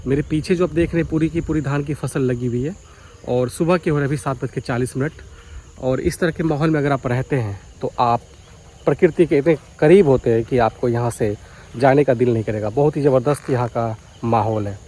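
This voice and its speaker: A vlogger with a warm, mid-range voice speaks briskly, explaining things casually and directly to viewers. He's outdoors in a village beside paddy fields.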